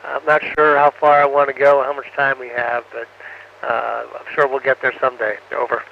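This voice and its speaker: Over a muffled, breaking-up radio link from the space station, with faint static, an astronaut replies to students' questions. He has a gravelly, mid-range voice and a flat delivery, halting often and filling pauses. Every answer ends with "over".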